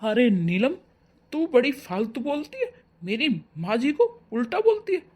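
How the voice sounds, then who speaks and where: A woman's voice: a little high, sing-song, a little slow, mellow, breathy edge, pitched below the performer's own voice, full character voice. A woman doing a hotheaded young son in a cartoon. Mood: protective. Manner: hotheaded, blustering. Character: young adult son, hotheaded and protective of his mother.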